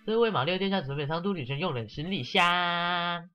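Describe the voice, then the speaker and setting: A man's voice: sits high, fairly quick, muffled recording, faint music behind. A man giving casual let's-play commentary, sarcastic and swearing often while mockingly reading the game's text aloud.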